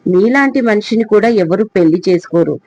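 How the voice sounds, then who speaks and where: Man voicing a sharp-tongued young woman. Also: high-pitched, lively intonation, fairly quick, dry recording, lo-fi sound. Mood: defiant.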